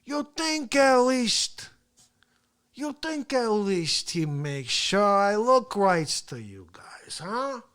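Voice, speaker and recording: A performer playing a brash, boastful male talk-show host who rambles through a comedy rant, swinging between loud yelling and hushed asides. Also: medium pitch, big pitch swings, takes it slowly. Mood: rambling, boastful. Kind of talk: comedic character monologue.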